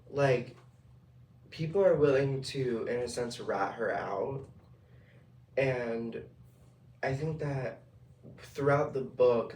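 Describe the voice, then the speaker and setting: A man's voice: mid-range voice, darkish tone. A man talking hesitantly in a casual student book discussion, with many fillers and restarts. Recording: echoey room, far from the mic, noisy.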